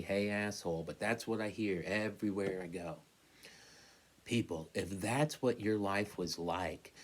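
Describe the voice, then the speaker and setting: A middle-aged man, an English lecturer, explaining a poem in a conversational, storytelling way. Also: low-pitched. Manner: conversational, storytelling with acted-out quotes. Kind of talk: recorded literature lecture.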